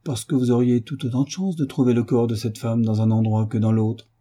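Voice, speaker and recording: Dry, teasing detective, as a male reader puts him on, dark husky voice. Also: medium pitch, fairly even intonation, brisk, natural voice. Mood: ironic. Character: calm, ironic male detective. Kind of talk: audiobook character reading.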